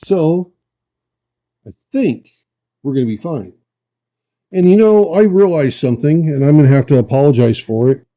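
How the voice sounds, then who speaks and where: A man giving a folksy, unhurried hands-on demonstration, thinking aloud, his voice muffled by a camera microphone. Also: fairly high pitch, expressive. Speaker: host of a rock tumbling hobby channel. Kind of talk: casual hands-on demonstration talk. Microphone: camera's built-in microphone.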